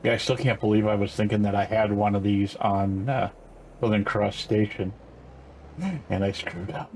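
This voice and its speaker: A man's voice: fairly low pitch, level tone, moderate pace, a little mellow, slight background noise, low-quality recording. An older man casually commenting while playing a farming game, rambling along with lots of fillers and restarts. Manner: rambling, laid-back, many fillers and self-corrections. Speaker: gaming channel host.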